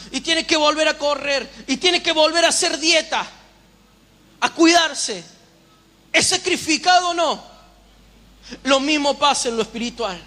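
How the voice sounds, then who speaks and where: A man with a very high, bright voice preaches in church. He speaks fervently and keeps checking with the congregation through rhetorical questions. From Uruguay. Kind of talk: sermon.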